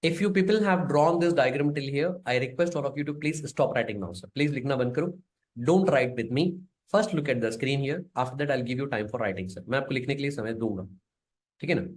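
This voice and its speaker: Male lecturer, Indian accent, mid-pitched. Informal, emphatic teaching delivery that repeats key phrases and mixes in Hindi. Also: very fast. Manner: repetitive, emphatic, often tags phrases with a questioning "sir"; switches between English and Hindi. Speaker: biochemistry lecturer. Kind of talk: informal exam-prep lecture.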